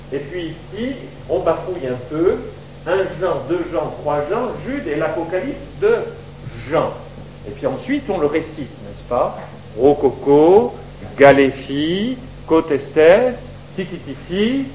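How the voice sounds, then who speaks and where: Man, Bible teacher, high voice, very animated pitch, slow delivery, sermon to a congregation. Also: a little hiss or hum, rough recording. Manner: lively, questions the audience.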